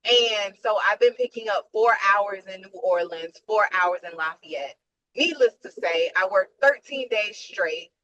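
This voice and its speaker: Female caller, weary and blunt, bright voice, video-call audio. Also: medium pitch, expressive, a little slow, lo-fi sound. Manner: tired, frank, emphatic. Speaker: nurse and webinar attendee. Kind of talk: casual venting on a video call.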